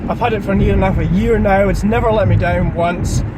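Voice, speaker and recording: High-voiced Highland Scottish man, noisy car. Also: brisk. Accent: Scottish Highland, Inverness. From Inverness, Scotland. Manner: informal, plain-spoken, colloquial. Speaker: car reviewer and owner. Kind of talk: casual car review chat. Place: inside a car. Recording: noisy car interior with engine rumble.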